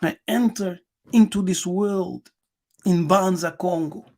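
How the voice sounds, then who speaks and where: Slow, gravelly-voiced man lecturing. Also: high-pitched, darkish tone. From Angola. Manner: emphatic, repeats words and punctuates with "yes". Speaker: channel host. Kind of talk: lecture, reading passages aloud and commenting.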